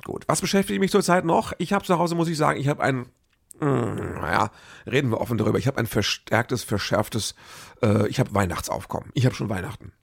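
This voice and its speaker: Comedian guy, gravelly and a bit raspy, chatting loosely and correcting himself a lot. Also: mid-range voice, lively intonation, brisk. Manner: rambling, self-correcting anecdotes. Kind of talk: casual monologue.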